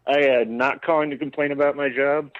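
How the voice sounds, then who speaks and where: Laid-back male caller over a dull phone line; relaxed delivery. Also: fairly high pitch, fairly quick. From Denver area, USA. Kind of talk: casual call-in chat.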